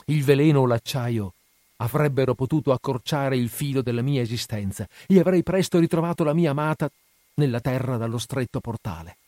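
A man's voice: medium pitch, brisk, mellow, no room sound. Male narrator, dramatic mournful audiobook read, dry close voice. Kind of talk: first-person audiobook narration.

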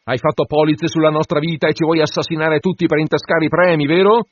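A man voicing an indignant, suspicious ship's mate who rants loudly and mocks others. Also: medium pitch, expressive, moderate pace, breathy edge, no room sound, voice pushed up. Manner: loud, indignant, mocking rants. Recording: dull dry radio broadcast.

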